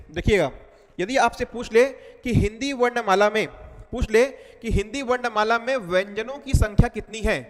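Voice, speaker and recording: A man's voice: extremely high pitch, a bit bright. A man giving an exam-prep lecture, repeating each point and quizzing his students with questions. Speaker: teacher. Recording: long hall reverb.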